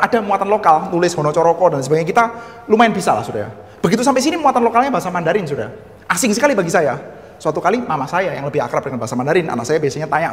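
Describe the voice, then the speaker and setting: A man with a Javanese-tinged Indonesian accent teaching church history, talking quickly in a fairly high voice. He keeps addressing his listeners directly and slips in humorous asides. The sound carries a long reverb, as in a hall.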